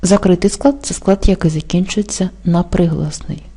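A woman teaching an exam-prep language lesson, explaining rules slowly and carefully and spelling out example words. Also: fairly low pitch, fairly even intonation, warm tone, breathy edge. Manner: slow, careful dictation-like delivery.

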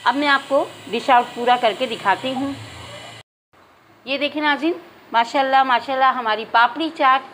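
High-voiced woman calmly demonstrating a recipe. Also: moderate pace, slight background noise, low-quality recording. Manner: addresses viewers as "nazreen" again and again, calm instructive. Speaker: cooking channel host. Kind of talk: step-by-step cooking demonstration. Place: home kitchen.

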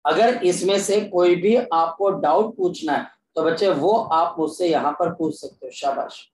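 A man's voice: fairly high pitch, measured pace, darkish tone. A man teaching a physics class online in a coaxing, repetitive way, often calling his students "kids". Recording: echoey room with faint ambient noise.

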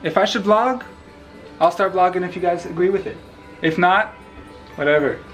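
A young man with a notably high voice teases his friend in casual vlog banter. His delivery is offhand and joking. Faint music sits in the background. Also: normal speed. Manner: teasing, offhand.

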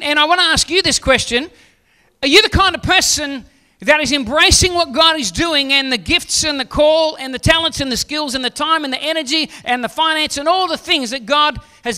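A very high, pushed and bright voice belongs to a pastor in his forties. He delivers a sermon from the church stage through a handheld mic, kidding with listeners before pressing them with questions.

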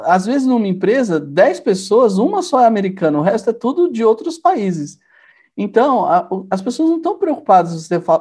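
A man's voice: sits high, husky. A man from Brazil hosting a live programming show, telling stories in a chatty, casual way. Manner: chatty storytelling with lively asides. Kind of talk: casual live-stream talk.

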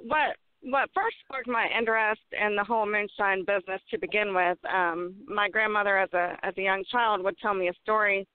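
Appalachian woman with a smooth voice. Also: medium pitch, no echo. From West Virginia, Appalachia. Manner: laughs easily, storytelling. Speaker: guest, moonshine maker. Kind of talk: casual interview chat. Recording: tinny phone-like dry sound.

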